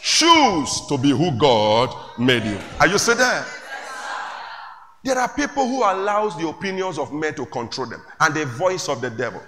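A male pastor preaching a sermon to a congregation, calling out questions and rising to shouts. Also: a little high, big pitch swings, normal speed. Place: church hall with congregation. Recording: echoey church hall, faint room noise.

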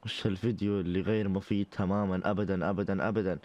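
A man's voice: sits low, steady tone, racing, a little mellow, highs cut off. A man with a Saudi accent hosting a reaction show, making wry, incredulous comments about online clips. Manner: wry, incredulous asides with mock disbelief. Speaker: host reacting to TikTok clips. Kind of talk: casual comedic commentary.

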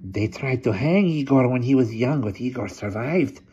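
A man voicing an ancient, sly hunchback servant who talks slowly and ingratiatingly, on a dull lo-fi recording. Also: mid-range voice, expressive, mellow, husky, pitched above the performer's own voice. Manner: slow, creeping, ingratiating.

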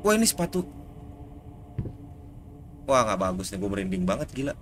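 A man's voice: lowish voice, sing-song, normal speed, fairly bright tone, soft background music. Jumpy Indonesian man gaming. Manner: jumpy, swears when startled. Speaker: gaming streamer. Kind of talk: casual gameplay commentary. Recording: noisy background.

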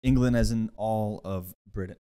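A man co-hosting a casual podcast chat, joking around and firing off quick questions. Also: lowish voice, dark tone, smooth, dry recording, clean studio sound. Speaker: co-host.

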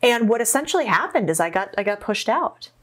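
Animated woman telling her own story. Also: a little high, brisk. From Arizona, US. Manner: animated storytelling, acts out quotes. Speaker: podcast guest, entrepreneur. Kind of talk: casual interview conversation.

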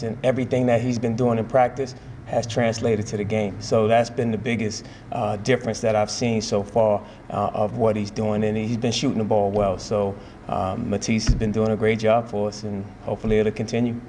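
In a press room with a sponsor backdrop behind him, a man in his forties who coaches basketball answers questions after a game through table mics. He talks steadily and deliberately, leaning on fillers and repeating phrases, in a lowish register over faint background noise.

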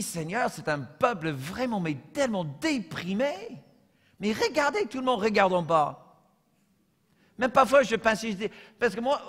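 A man from the United States with an American accent, preaching a sermon as pastor, telling humorous stories and swinging from soft asides to shouted lines. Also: high-pitched. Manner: humorous storytelling. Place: church. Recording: long church reverb.

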